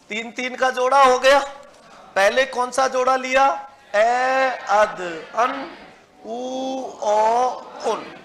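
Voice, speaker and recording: This classroom lecture features a man with a very high, fairly bright-toned voice teaching Hindi grammar. He quizzes students and has them repeat lists after him, slowly and syllable by syllable.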